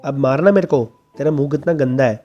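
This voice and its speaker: A boastful bully sidekick, voiced by a man narrating, jeering at his target and making excuses for himself. Mellow, darkish tone over faint background music. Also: mid-range voice, fast talker, dull audio, natural voice. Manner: bragging, jeering.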